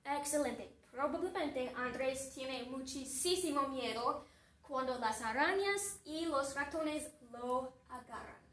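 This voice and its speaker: A woman teacher telling a story to her class, asking them slow, deliberate questions and repeating each sentence. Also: high voice, lively intonation, fairly bright tone, distant mic. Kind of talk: story-based language lesson. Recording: roomy echo, voice off-mic.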